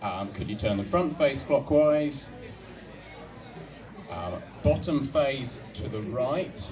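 A young man stands on an outdoor stage at night with a handheld mic, politely walking someone through a cube solve one step at a time. His mid-range voice is animated, and he gives slow, patient instructions with soft laughs. The distant mic picks up crowd noise and music.

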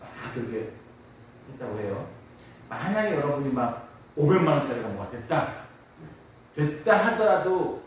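A man preaching a dawn church sermon, animated, acting out prayers and complaints in quoted voices, recorded in an echoey church sanctuary from a distant mic with faint hiss. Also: mid-range voice. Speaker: pastor.

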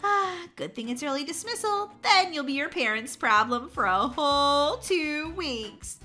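A patient, cooing daycare teacher in a children's role-play story, acted by a woman. She speaks slowly in soothing, sing-song baby talk, with a bright voice and lively swings of pitch. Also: faint music behind, exaggerated voice.

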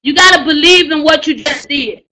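Woman, very high pitch, bright tense voice, loud hollering teacher, slangy preacher-like pep talk. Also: normal speed, poor audio. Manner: repetitive "you gotta" slangy coaching. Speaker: writing class teacher. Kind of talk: live online class on book promotion.

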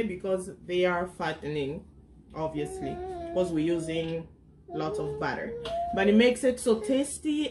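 A woman's voice: mid-range voice, a little hiss or hum. A woman in her thirties, a mother, chatting and giving step-by-step cooking instructions in a home kitchen to a camera on the counter.

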